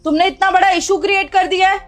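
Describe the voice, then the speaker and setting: A woman's voice: very high voice, steady tone, quick pace. A woman acting an indignant elder sister-in-law. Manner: complaining, indignant. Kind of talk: amateur family drama acting.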